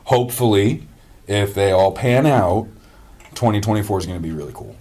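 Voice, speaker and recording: Very deep-voiced man in casual chat. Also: lively intonation, brisk, warm tone. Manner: rambling, lots of fillers and restarts, laughs easily. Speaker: band member.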